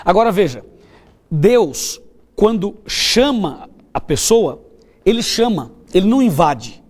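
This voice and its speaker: A man's voice: high voice, sing-song, takes it slowly, a little mellow. A man with a Brazilian Portuguese accent, preaching a televised sermon as a pastor, telling stories in a conversational way and asking his listeners questions.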